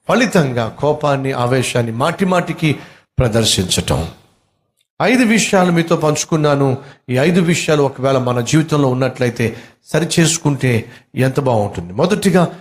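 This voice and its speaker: Pastor preaching with rhetorical questions. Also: male voice, medium pitch. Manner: repetitive rhetorical questions, emphatic lists. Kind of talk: sermon.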